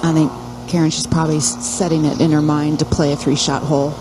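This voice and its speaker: A woman's voice: low voice, little pitch movement, fast. A woman working as a golf commentator, giving conversational analysis of the play. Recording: clear outdoor background noise.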